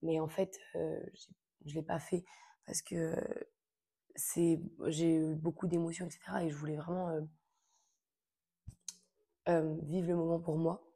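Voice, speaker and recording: A young woman chats informally to camera, trailing off with fillers and slang. Her voice sits a little low, with a gravelly, husky, mellow grain. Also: level tone, measured pace, long pauses. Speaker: book vlogger. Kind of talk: casual chat to camera.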